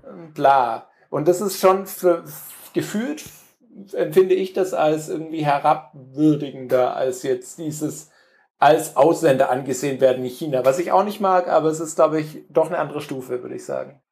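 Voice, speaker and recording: Hesitant German-speaking man, slightly high. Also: moderate pace, creaky, darkish tone. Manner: hesitant, many fillers, mimics other voices for quotes. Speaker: podcast co-host. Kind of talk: casual conversation.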